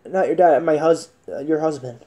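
A man hosting a spirit box session, asking questions in a halting, repetitive, insistent and casual way. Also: on the high side, mellow. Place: indoor room with wooden floor.

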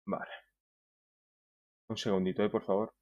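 A man's voice: fairly low pitch, level tone, normal speed, highs cut off. Jumpy, foul-mouthed Spanish gamer man. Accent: Spain Spanish. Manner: jumpy, swears often, talks to himself while playing. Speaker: streamer. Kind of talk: live gameplay commentary. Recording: loud background noise.

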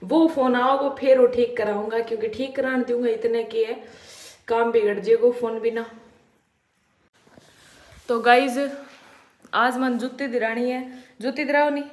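A woman's voice: fairly high pitch, fairly even intonation, measured pace, pauses often, darkish tone. Chatty young woman with a Rajasthani accent. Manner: chatty and playful, teasing. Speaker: vlogger. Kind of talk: casual vlog chatter. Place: in a car. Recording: roomy sound with faint background noise.

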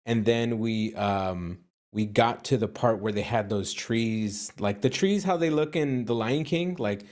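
A man's voice: lowish voice, measured pace. A man co-hosting a podcast, chatting casually and telling a travel story full of fillers. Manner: animated storyteller, many fillers and trailing phrases. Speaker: podcast co-host. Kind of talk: casual chat.

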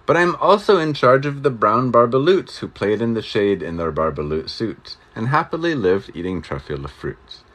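A man's voice: medium pitch, sing-song, moderate pace, few pauses, a bit bright, voice pushed up. A man voicing a grumpy small male forest creature, scolding and indignant in a storybook reading.

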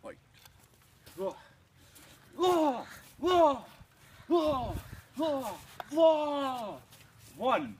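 A man's voice: very high-pitched, very animated, very slow, long pauses, darkish tone, full character voice. A young man playing Hamlet as a hot-headed dueling prince in an amateur Shakespeare performance. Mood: combative. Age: young adult. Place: outdoors in a residential backyard. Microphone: camera a few meters away. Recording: noisy outdoor camera microphone.

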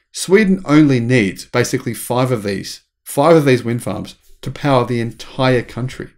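A man, hosting an energetic news commentary in a small room at home and gesturing with his hands. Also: mid-range voice. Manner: enthusiastic, animated, gestures with hands. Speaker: channel host.

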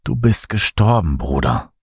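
A man voicing a soft, gentle holy teacher. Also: medium pitch, very animated, normal speed, slightly rough, dry recording, studio quality, voice pushed up.

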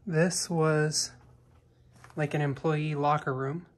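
A man quietly commenting as he walks through an abandoned hotel, remarking on the things left behind, recorded on a handheld phone camera. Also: fairly even intonation, slow. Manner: low-key, remarks on found objects. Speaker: urban explorer. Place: abandoned hotel, indoors, walking through rooms.

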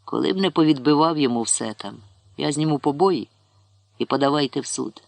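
A self-important village medic gives a grave verdict in a low, pompous tone, as a man voices him. The voice is gravelly and the sound is close and dry. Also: a little fast, darkish tone, dry recording.

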